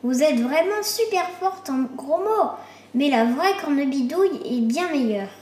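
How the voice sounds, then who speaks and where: A woman's voice: high-pitched, animated, unhurried, a little mellow. A woman voicing a cheeky little boy with a childlike, teasing way of talking. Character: cheeky little boy, sleepy then cocky. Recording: roomy echo.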